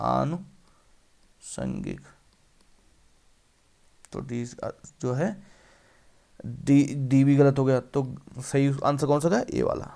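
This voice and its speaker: A male tutor works through exam questions on correct spelling. His voice is gravelly and sits at an ordinary mid pitch. He keeps repeating each word and asking the viewer what it should be. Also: a little mellow. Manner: repeats words and quizzes the viewer. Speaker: teacher. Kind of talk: exam-prep lesson on spelling.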